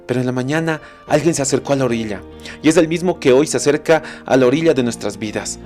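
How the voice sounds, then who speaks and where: A male pastor delivers a devotional message, retelling a scripture story with dramatic pauses and deliberate slow stretches. His voice sits at an ordinary middle pitch and stays earnest as he speaks straight to the listener. A faint bed of instrumental music plays underneath. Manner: dramatic storytelling, slowing down for emphasis; addresses the listener directly and earnestly. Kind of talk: recorded devotional sermon. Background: soft instrumental music.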